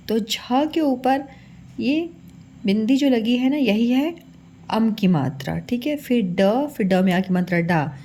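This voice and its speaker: A woman's voice: a little high, warm tone. A woman teaching children a phonics lesson, patiently sounding out each syllable and calling her pupils "beta".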